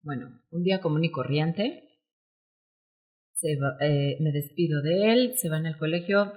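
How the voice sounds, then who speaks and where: A woman in her forties with a Mexican Spanish accent, a guest telling her story in an interview, animated and acting out quoted dialogue. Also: low voice, a little slow. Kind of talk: emotional personal storytelling interview.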